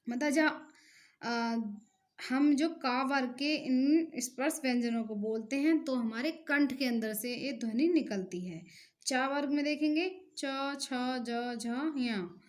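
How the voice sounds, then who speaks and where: A woman teaches a lesson in a high voice. She moves slowly and sounds out each letter on its own before she explains it. Her delivery is unhurried and careful throughout. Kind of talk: classroom lesson.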